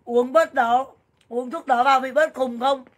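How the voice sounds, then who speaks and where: A woman in her thirties on a casual livestream, loud, blunt and jokey, full of exclamations as she talks to viewers. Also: high voice, fairly even intonation, measured pace. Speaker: livestream seller and vlogger.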